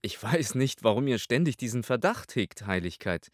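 A man's voice: mid-range voice, big pitch swings, normal speed, no echo, studio quality. A man doing a wry court architect. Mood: courteous. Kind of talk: audiobook character voice.

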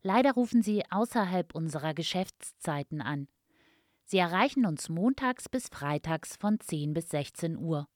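Lower-pitched woman, polite customer service voice. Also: animated, a little slow, a little mellow, no echo, clean studio sound. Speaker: phone announcement voice. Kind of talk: scripted answering machine announcement.

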